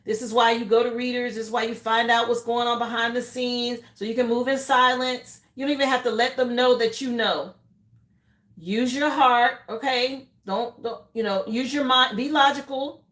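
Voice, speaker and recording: A woman's voice: fairly high pitch, fairly bright tone, roomy sound. A woman giving a live tarot reading, talking straight to her viewers with emphatic, repeated reassurances. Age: adult, mother of children. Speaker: tarot reader.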